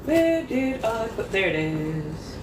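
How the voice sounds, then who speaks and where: A woman's voice: mid-range voice, very animated, slow pace, noisy background. A woman chatting casually to her followers as a livestream host, with theatrical, coy, old-fashioned ladylike diction and a playful habit of repeating phrases.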